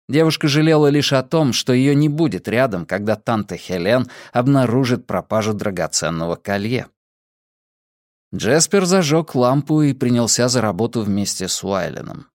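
A man reading an audiobook in measured scripted narration. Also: mid-range voice, darkish tone, dry recording, studio quality. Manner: measured storytelling.

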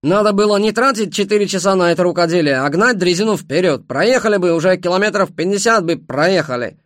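A grumbling, hot-tempered engineer-turned-trader, quick to flare up, as an audiobook reader plays him. The voice is a little high, close and dry. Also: male voice, expressive, no echo, lightly acted. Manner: indignant, grumbling.

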